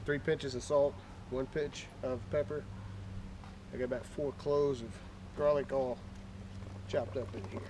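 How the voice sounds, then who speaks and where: Casting: male cooking show host, medium pitch, plainspoken and casual demo style, recorded with noticeable noise behind him. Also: level tone, unhurried, long pauses. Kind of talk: casual cooking demonstration, talking through each step. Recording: clearly noisy background with clicks.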